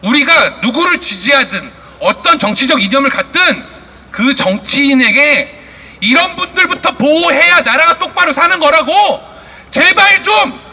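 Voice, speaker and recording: A man with an extremely high, creaky voice and lively intonation speaks at a moderate pace, moderating a rally with a fiery, indignant protest speech full of accusations and rhetorical questions. He serves as both rally speaker and press conference moderator, heard through a loud public address system with long reverb.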